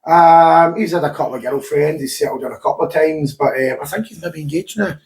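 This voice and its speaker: A man's voice: on the high side, a little fast, echoey room. Chatty Scottish man hosting a podcast. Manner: chatty, swears freely. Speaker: podcast host and gym owner. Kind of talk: casual podcast chat.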